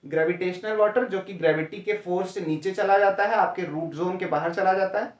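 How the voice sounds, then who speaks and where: A man's voice: sits high, brisk. Echoey, distant man teaching. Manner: explains step by step, keeps asking "है ना?" and "ठीक है?"; calls students "भैया". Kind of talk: exam-prep lecture. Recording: roomy, distant, dull lo-fi sound.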